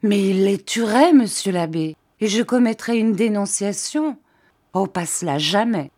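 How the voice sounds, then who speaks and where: A woman's voice: medium pitch, expressive, a little slow, mellow. A woman voicing a meek, frightened young wife who pleads and sobs in an audiobook reading. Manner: pleading, sobbing, helpless.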